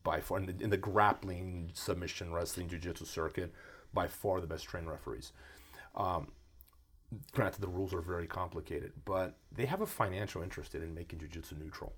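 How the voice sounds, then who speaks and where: A man who grew up in Brazil talks quickly and emphatically in a casual conversation. His voice sits low and has a husky edge. He acts out quoted lines as he makes his point. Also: fairly bright tone.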